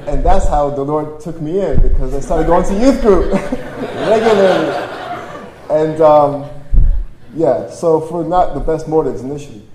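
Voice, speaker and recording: A priest from Toronto, born in Poland and a native Polish speaker, tells young adults his personal story in an informal, jokey, self-deprecating and slangy way. His fairly high male voice is expressive and unhurried. The sound comes through a stage microphone and PA in a large echoey room at a live event, with faint noise.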